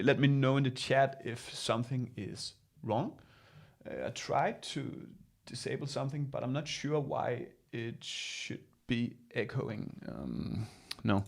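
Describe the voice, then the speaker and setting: A man walks through a live screen-share tutorial, his voice of middling pitch and noticeably gravelly. He talks casually and haltingly, filling gaps with "um" and "uh". His sound at times turns echoey and a bit robotic. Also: darkish tone. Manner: casual, halting with many fillers. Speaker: host of live software tutorial.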